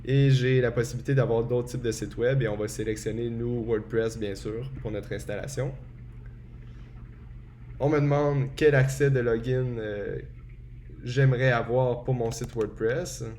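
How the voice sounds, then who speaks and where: A man walks through a software setup step by step in a relaxed tutorial, often pausing with hesitations. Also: mid-range voice, slight background noise. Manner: relaxed and explanatory, frequent hesitations. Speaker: tutorial presenter. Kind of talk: screen-recorded software tutorial.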